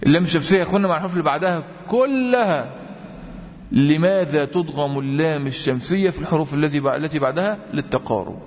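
A man with an Egyptian accent teaching tajweed, quizzing his students with repeated questions and chanting verse examples slowly. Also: on the high side. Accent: Egyptian Arabic. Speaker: Quran recitation teacher. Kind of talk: tajweed lesson. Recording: long reverb.

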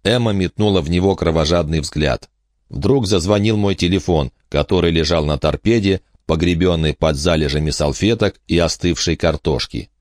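A man reading a novel aloud in the first person, with measured storytelling in a dry studio. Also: deep voice, a little mellow, dry recording. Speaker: audiobook narrator. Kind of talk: first-person scripted narration.

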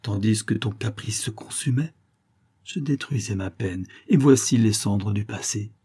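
A man reading the lines of a tender young wife who is gently reproachful, in a soft, pleading way. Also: on the low side, a little slow, breathy edge.

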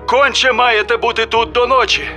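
A man voicing a breathless man who calls in urgent news over the radio, his voice strained and high. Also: expressive, brisk, pushed and bright, soft background music, full character voice.

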